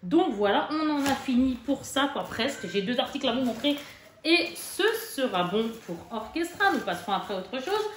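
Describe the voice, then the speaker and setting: A woman in her thirties, a mother, chatting casually and warmly to her viewers with lots of fillers while showing off her shopping. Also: sits high, sing-song, normal speed. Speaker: vlogger, mother. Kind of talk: casual haul vlog chat. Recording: echoey room with background noise.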